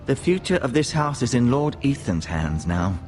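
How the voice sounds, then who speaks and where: An actor playing a solemn older male maester and healer in a video game, speaking in a measured, advising way. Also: medium pitch, big pitch swings, darkish tone, lightly acted. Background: game music.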